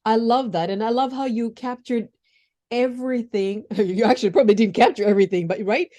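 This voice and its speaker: A podcast host with a slightly high, dark-toned voice talks fairly quickly. She chats with her guest enthusiastically in an interview, frequently restarting sentences.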